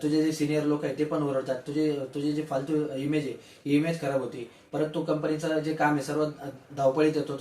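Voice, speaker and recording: A man's voice: on the high side, darkish tone. A man teaching an exam-prep lesson, asking questions and answering them himself. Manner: explains slowly with everyday examples. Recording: roomy, distant mic.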